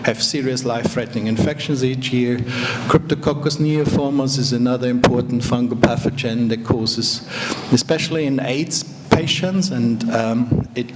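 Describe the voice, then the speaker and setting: Austrian guy, german native, lecturing slow and careful in a big echoey hall, noisy room. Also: medium pitch. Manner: plain, careful explaining with frequent fillers and restarts. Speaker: guest lecturer. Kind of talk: university guest lecture. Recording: lecture hall reverb, background noise.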